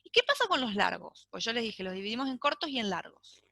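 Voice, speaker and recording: Bright-voiced woman teaching a class. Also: on the high side, big pitch swings, fast talker, gravelly, no room sound. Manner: explanatory, checks in with frequent "¿sí?". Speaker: English teacher. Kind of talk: online class lecture.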